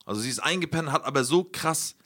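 A young man talks fast in a bright, forceful voice as he tells a story on a podcast. His voice sits a little high. His slangy, casual delivery is full of swearing and repeated filler words. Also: expressive. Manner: slangy, swears a lot, keeps saying "Alter" and "Digga". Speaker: podcast host.

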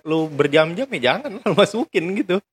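A young man co-hosting a casual chat, telling animated stories and laughing often. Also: high voice, moderate pace, slightly rough. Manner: animated storyteller, laughs a lot. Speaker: podcast co-host.

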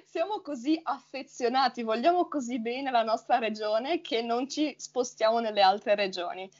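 A woman's voice: on the high side, normal speed, highs cut off. A young woman with a fairly neutral northern Italian accent, chatting casually and explaining things by rephrasing them. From Friuli Venezia Giulia, north-east Italy. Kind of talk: casual chat about languages.

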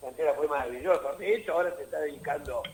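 An older man with an Argentine Rioplatense accent, an actor and comedian chatting as a guest in a radio interview. He talks in a relaxed, playful way and drops quick asides. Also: on the high side, slight background noise, low-quality recording.

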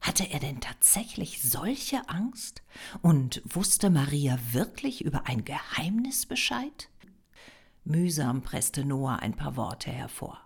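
A woman narrating a novel as an audiobook, expressive and dropping to a whisper in tense passages. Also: low-pitched, slow pace, gravelly, slightly rough.

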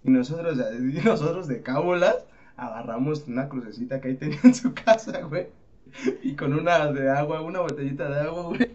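A man's voice: on the high side, a little fast, a little mellow. A man with a Mexican accent, hosting a podcast and telling stories in slangy casual chat while laughing often. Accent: Mexican Spanish. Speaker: podcast host. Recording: slightly muffled with faint noise.

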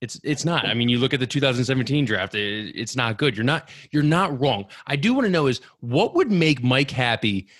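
Philly dude hosting a podcast, teasing his guest, dry close sound, medium pitch. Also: expressive, brisk, hardly any pauses, a bit bright, dry recording. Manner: teasing, joking. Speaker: podcast host. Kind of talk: casual chat.

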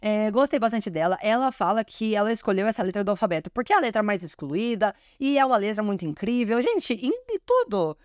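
A woman's voice: mid-range voice, big pitch swings, brisk, hardly any pauses, a little mellow, no room sound, clean studio sound. A woman from Brazil hosting a podcast, chatting enthusiastically and often calling out to her listeners. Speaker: podcast host. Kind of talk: casual podcast commentary.

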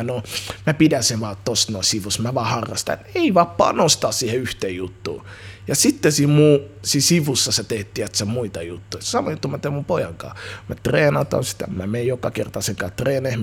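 In a laid-back interview, a thirtysomething man, a musician and youth football coach, rambles energetically in slang, restarting often. His mid-range voice carries vocal fry and is slightly rough.

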